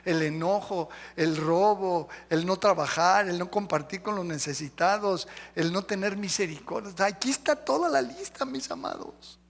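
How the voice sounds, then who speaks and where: A man's voice: sits high, moderate pace, few pauses, long reverb tail. A male pastor preaching emphatically, running through lists and questioning the congregation. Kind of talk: sermon. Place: church sanctuary.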